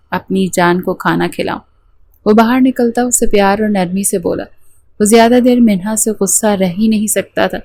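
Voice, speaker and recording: A woman narrating a romance novel as an audiobook, with steady storytelling. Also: medium pitch.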